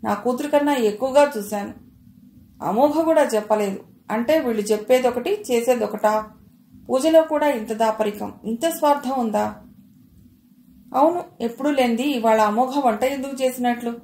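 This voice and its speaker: A woman reading aloud and voicing a suspicious, sharp-tongued older mother-in-law who scolds and accuses, with a slightly high voice in a roomy space. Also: moderate pace, natural voice. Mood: indignant. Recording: roomy echo.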